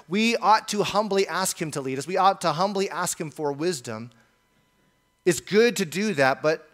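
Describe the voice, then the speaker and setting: A man's voice: a little high, fairly bright tone. A male pastor preaching a sermon in an earnest, emphatic way, often repeating key phrases.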